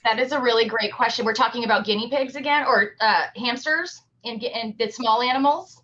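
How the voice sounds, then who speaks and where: A humane society educator talks kids through a virtual field trip, keeping it simple and encouraging. She speaks briskly in a slightly high voice with a sharp tone. Her computer on the video call records flat, lo-fi sound.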